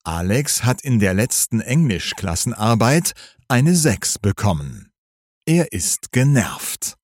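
A man narrating a graded story for language learners, reading slowly, clearly and deliberately. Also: medium pitch, big pitch swings, a little mellow, no room sound, clean studio sound.

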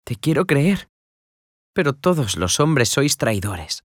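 Man doing a young fisherwoman, high strained voice, anguished cries, very dry sound. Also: sing-song, slow pace, no room sound. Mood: pleading. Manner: raised falsetto, anguished cries. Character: young fisherwoman, passionate and desperate.

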